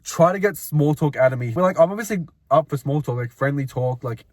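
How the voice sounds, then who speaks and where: A man's voice: a little high, animated, a little fast, a little mellow, no echo. A young man co-hosting a casual chat, telling work stories with frequent laughs and swearing. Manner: laughs often, swears, mocks customers. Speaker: podcast co-host.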